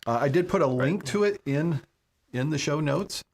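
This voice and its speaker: A man's voice: on the high side, expressive, normal speed, vocal fry, husky. A man hosting a live medical talk show, chatting casually and often repeating words as he goes. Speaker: host.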